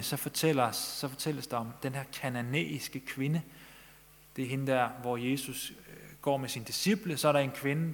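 A man preaching a sermon in Danish-language church style, earnest, pressing his listeners with questions. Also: mid-range voice. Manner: earnest, rising emphasis on questions. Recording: long echo of a large hall.

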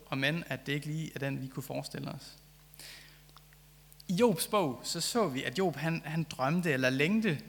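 A man's voice: fairly high pitch, fairly bright tone. A man preaching a sermon, reading scripture and then reflecting on it earnestly, with rising emphasis on key phrases. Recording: long hall reverb.

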